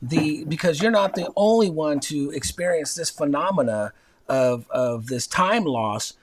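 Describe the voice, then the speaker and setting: A man's voice: on the high side, animated, a little slow, background noise. A man hosting a podcast, asking his guest questions in a casual, hesitant way and restarting his sentences. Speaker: podcast host. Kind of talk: casual interview.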